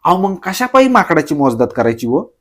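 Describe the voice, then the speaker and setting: A man voicing a sly joking villager who drawls slowly and teases. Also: a little high, sing-song, pitched above the performer's own voice. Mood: playful. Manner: slow, drawling, teasing, throat-clearing. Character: sly joking male villager, slow teasing talker.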